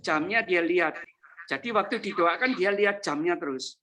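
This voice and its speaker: A male pastor preaching a sermon, telling a story slowly and often turning to address the congregation directly. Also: high voice, sharp tone. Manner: slow, anecdotal, often turns to address the congregation.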